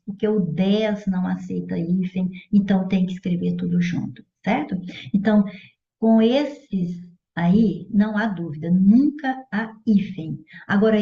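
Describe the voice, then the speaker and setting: Brazilian woman, grammar teacher, patient and didactic, keeps checking understanding; dull, roomy recording. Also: mid-range voice. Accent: Brazilian Portuguese. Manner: didactic, checks in with "certo?" and "olha". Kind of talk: explanatory exam-prep lesson. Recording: dull echoey room audio.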